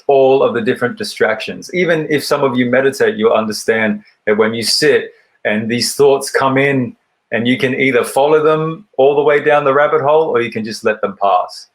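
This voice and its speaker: Guy retelling an old myth slowly and thoughtfully, mid pitch, lots of pauses, shifts into rhythmic poem reading. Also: poor audio. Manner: measured, thoughtful storytelling with deliberate pauses; recites poetry in a raised, rhythmic voice. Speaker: poet and speaker. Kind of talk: reflective storytelling talk.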